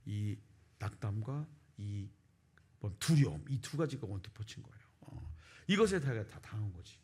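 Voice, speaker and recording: A man's voice: on the low side, sing-song, normal speed, darkish tone, slightly rough. A middle-aged male pastor telling a personal story in a sermon, acting out the voices of the people in it. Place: church sanctuary.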